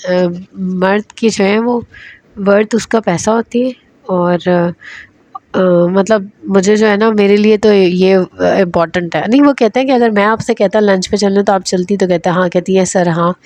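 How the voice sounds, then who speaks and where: A woman's voice: medium pitch, fairly even intonation, darkish tone, no echo. A woman casually recapping drama episodes as a reviewer, chatty and hesitant with many fillers.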